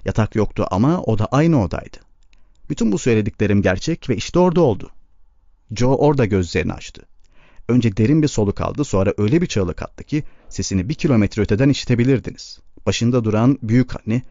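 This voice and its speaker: A man with a fairly low voice narrates an audiobook in a steady, measured storytelling style. The recording is dry and lo-fi.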